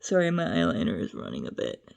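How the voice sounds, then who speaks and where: A woman's voice: very deep voice, huge pitch swings, fast, vocal fry, darkish tone. A young adult woman vlogging to camera in a rambling, chatty way, drifting between topics with frequent fillers. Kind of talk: casual talk to camera.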